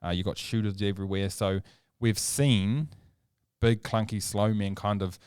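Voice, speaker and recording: Opinionated low-voiced podcast man. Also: fairly even intonation, normal speed, darkish tone, clear, resonant tone, no echo, clean studio sound. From New Zealand. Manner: opinionated, emphatic, argues points with rising energy. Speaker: podcast co-host. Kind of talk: casual sports chat.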